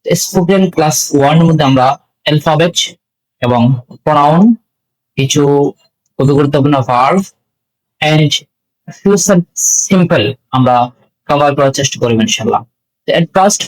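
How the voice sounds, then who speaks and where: A man with a Bangladeshi accent teaching a spoken English lesson, slowly repeating letters and sounds for learners. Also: on the high side, poor audio.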